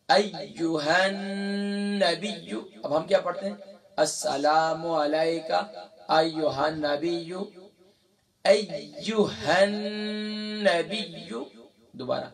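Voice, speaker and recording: Gravelly man reciting a slow religious lesson. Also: fairly high pitch, distant mic. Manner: slow drawn-out recitation spelling out syllables; quick quiet explaining between recitations. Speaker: religious teacher.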